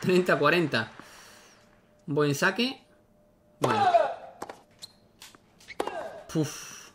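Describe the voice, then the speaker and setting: A man giving excitable, casual commentary on his own gameplay, talking to himself as he plays. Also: fairly high pitch, extremely slow, heavy background noise. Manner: excitable, talks to himself while playing. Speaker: gaming YouTuber.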